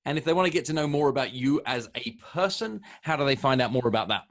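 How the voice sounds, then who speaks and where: A man hosting a podcast interview over a remote call, asking long, measured questions. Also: medium pitch, animated, fairly bright tone. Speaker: podcast host. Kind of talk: interview host.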